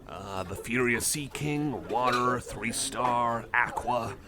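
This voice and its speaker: In a casual ASMR roleplay, a man with a mid-range voice plays a friendly, nerdy cyborg who loves cards, speaking slowly. Geeky and enthusiastic, he rambles hesitantly and apologetically over the chatter of a busy cafe.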